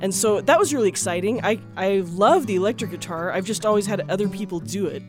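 Guitar plays in the background while a woman, appearing as a guest musician and teacher, shares an anecdote about herself. She speaks quickly in a mid-range voice with lively intonation, casual and self-mocking, breaking into little laughs.

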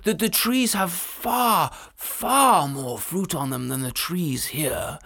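A woman voicing a timid, hesitant male sea dragon who stammers softly. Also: lowish voice, slow pace, exaggerated voice. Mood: coaxing.

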